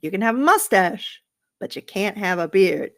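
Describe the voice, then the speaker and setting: A woman's voice: medium pitch, animated, normal speed, fairly bright tone. A woman hosting her own sports podcast late at night, chatting alone in a rambling, sarcastic, gossipy way with playful outbursts. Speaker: podcast host. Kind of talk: casual solo sports podcast.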